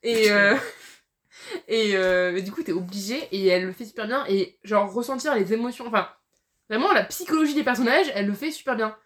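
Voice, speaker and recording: A woman's voice: medium pitch, fairly quick, fairly bright tone. A young French-speaking woman co-hosting a book podcast, rambling casually with many fillers and restarts. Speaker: podcast co-host. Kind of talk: casual chat about books.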